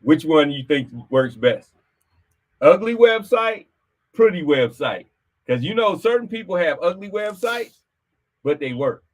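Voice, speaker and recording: A man co-hosting a business talk show, chatting casually and teasing his guest with quick questions. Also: on the high side, big pitch swings.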